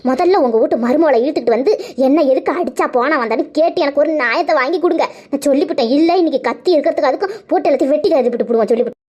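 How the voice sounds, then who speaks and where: A woman voicing a beaten young wife in a cartoon, shrill and scolding. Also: very fast, darkish tone, lightly acted. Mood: indignant. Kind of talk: cartoon voice acting. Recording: dull lo-fi sound.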